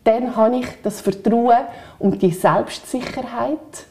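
A woman's voice: a little high, steady tone, slow pace, darkish tone. A woman with a Swiss German accent co-hosting a podcast, speaking candidly and thinking aloud in long, winding sentences. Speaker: podcast co-host. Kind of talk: reflective casual chat.

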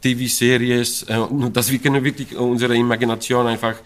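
In an interview about an opera production, a middle-aged Polish stage director with a Polish accent, Polish being his native tongue, talks at a moderate pace in a medium-pitched voice with little pitch movement. He laughs a lot and searches for words through fillers and restarts.

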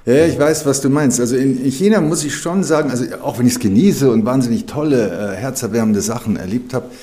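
A man's voice: medium pitch, quick pace, warm tone. A man hosting a casual conversation, who listens closely, affirms often and shares his own experiences. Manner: attentive, frequent short affirmations.

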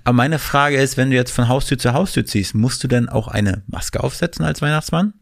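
A man's voice: mid-range voice, a little fast, creaky. A male co-host in a casual interview, asking chatty, playful questions.

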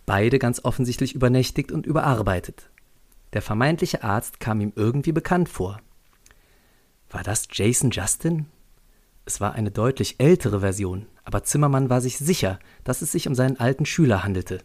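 A man's voice: medium pitch, lively intonation, normal speed. A man narrating a scripted story on a school podcast in a dry, lightly ironic way.

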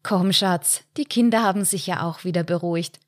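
A woman's voice: lowish voice, moderate pace, natural voice. A woman reading the lines of a nervous middle-aged husband who dodges questions and jokes to cover a secret. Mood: soothing. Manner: pressed, evasive, forced joking.

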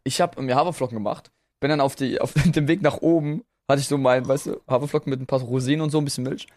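A man's voice: medium pitch, fairly even intonation, fast, a little mellow, dry recording. A young man co-hosting a casual podcast, teasing his friend in playful slang. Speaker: podcast co-host. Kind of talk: casual chat.

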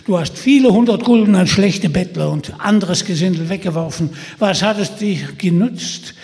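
A man's voice: sits high, creaky, a little mellow. A man voicing a sly, scheming male forest spirit who mocks and persuades, with long reverb around him. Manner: mocking, persuasive, jeering.

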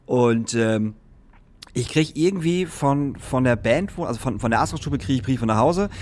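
A man tells a story in an animated way during a casual chat, swearing offhandedly now and then. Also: mid-range voice, moderate pace, a little hiss or hum. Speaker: podcast co-host, artist manager.

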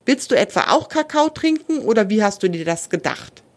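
A woman's voice: mid-range voice, very animated, moderate pace, darkish tone. A woman reading the part of a young boy in a children's story, speaking in an exasperated, scolding way. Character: young boy, fond of his pony, easily startled.

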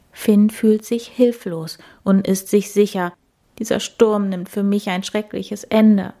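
A woman narrating a children's story in a soft, soothing, half-whispered voice. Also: on the low side.

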